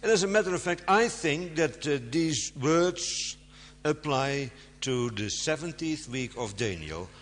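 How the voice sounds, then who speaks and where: A man preaching to an audience, stressing key words with sharp rises and sometimes pausing with fillers to find his words. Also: on the high side, lively intonation. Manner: halting, searches for words with fillers. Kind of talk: sermon. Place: large hall before an audience. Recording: long hall reverb.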